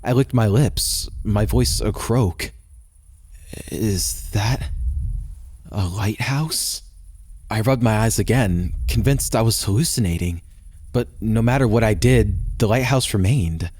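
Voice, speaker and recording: A man's voice: fairly low pitch, moderate pace, a little mellow, no room sound. Man narrating a horror story, dry close sound.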